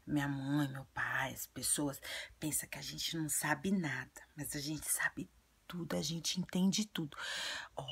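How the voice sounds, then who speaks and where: A woman voicing an earnest, chatty little girl who tells childlike stories and gives advice in a breathy, often half-whispered voice. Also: sits low, exaggerated voice. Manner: childlike storytelling, repetitive. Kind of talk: video monologue in character.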